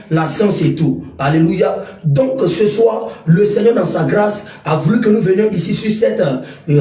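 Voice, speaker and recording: Radio preacher, man, high and mellow voice, a bit off mic in an echoey studio. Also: recorded from a distance. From Côte d'Ivoire. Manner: declamatory, repeats alleluia.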